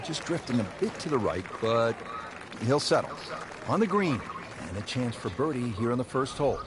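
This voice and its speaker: A man's voice: mid-range voice, big pitch swings, moderate pace, background noise, lightly acted. A man playing a composed television golf commentator, calling play-by-play for a video game. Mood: measured commentary. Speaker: golf commentator, lead announcer.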